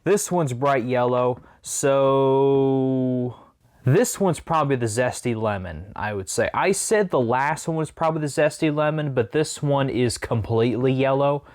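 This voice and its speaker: Guy doing a candy challenge vlog, eating sour candy and just chatting, regular pitched voice. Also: measured pace, a little mellow. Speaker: food challenge vlogger. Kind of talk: casual chat to camera.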